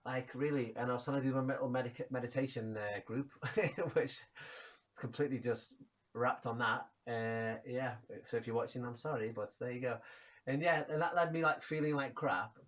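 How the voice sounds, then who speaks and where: A man rambling frankly and casually about his low mood, swearing freely. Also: fairly even intonation, moderate pace, fairly bright tone, far from the mic. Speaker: vlogger. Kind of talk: casual personal rant to camera.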